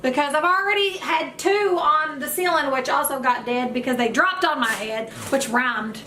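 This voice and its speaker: A woman vlogger chatting casually at home, telling an animated, playful story. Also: sits high, normal speed, slight background noise. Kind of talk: casual chat. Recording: echoey room.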